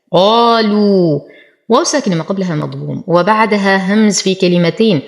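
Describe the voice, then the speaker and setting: A woman teaching Quran recitation, explaining the rules of each word and then reciting it slowly and deliberately. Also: mid-range voice. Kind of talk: tajweed lesson with slow recited examples.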